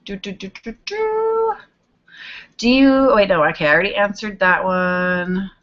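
A woman in her twenties answers viewer questions in a casual, rambling vlog chat, humming to herself while she searches for the next one. Her voice is mid-range, animated and a bit bright, at a moderate pace. She records on a webcam video call in a small bedroom, and the audio comes out a little dull and lo-fi.

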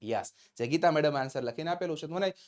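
A man with a Gujarati accent leads a live-streamed spoken English lesson, his voice sitting a little high. He is upbeat and encouraging, slowing right down to draw out each English phrase as he dictates it. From Gujarat, India.

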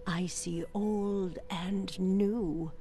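Very slow, mysterious fortune teller. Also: female voice, medium pitch, fairly even intonation, dark tone, slight background noise. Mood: cryptic, portentous. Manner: fortune teller delivery, cryptic and portentous. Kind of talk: scripted video game character acting.

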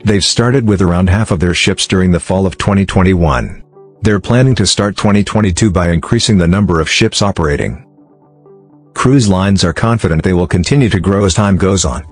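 Over soft background music, a man with a low-pitched voice narrates a scripted explainer in a measured, formal way.

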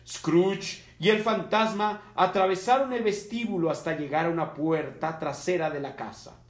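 A man narrating a classic story in an even, measured way as part of a group reading. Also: sits high. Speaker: volunteer reader. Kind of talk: audiobook narration. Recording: echoey room.

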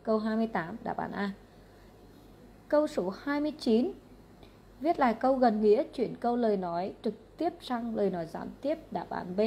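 A woman with a Vietnamese accent, an English teacher going briskly through exam answers question by question, matter-of-fact and repetitive. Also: a little high, lively intonation, warm tone, slight background noise.

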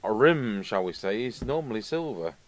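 Working at an indoor bench under an overhead camera, this middle-aged radio repair host talks through his repairs in a casual, thinking-out-loud way. His voice is fairly low in pitch, very animated, and delivered at a moderate pace.

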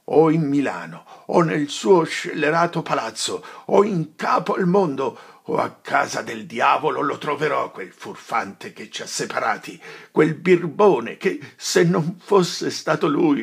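A man's voice: low voice, gravelly, fairly bright tone, breathy edge, heavily acted. A man voicing a desperate, furious young man in an audiobook, breaking into rising outbursts.

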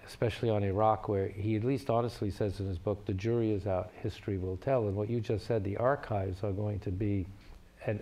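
Low gravelly older man telling stories. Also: brisk. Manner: animated anecdote telling. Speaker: moderator, former ambassador. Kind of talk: panel discussion storytelling.

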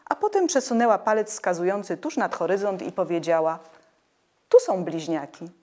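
A woman narrates a children's story in an expressive, melodic way. Her pitch is mid-range but swings widely, and her delivery is warm and story-like. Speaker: audiobook reader.

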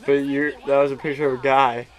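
A man co-hosts a gameplay video, needling his partner with short, curt retorts. His voice sits at a middle pitch. Faint music runs behind him. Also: flat delivery, fairly quick, low-quality recording. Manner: teasing, curt replies. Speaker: co-host. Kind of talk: casual gameplay chat.

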